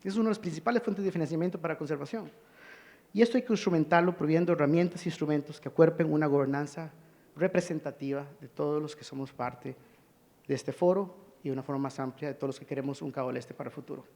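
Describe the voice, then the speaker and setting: Fast and fairly high-pitched with a slightly mellow tone, this Costa Rican conference speaker presents earnestly and urgently. He keeps calling for the next slide, and the conference hall gives a long reverb.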